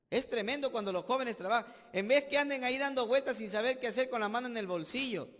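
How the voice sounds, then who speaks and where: A Peruvian man preaching from the pulpit in a strikingly high voice. He drives his points with rhetorical questions and sudden loud bursts. The sanctuary gives him a long, ringing reverb. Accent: Peruvian Spanish. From Peru. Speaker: pastor. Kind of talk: sermon. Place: church sanctuary.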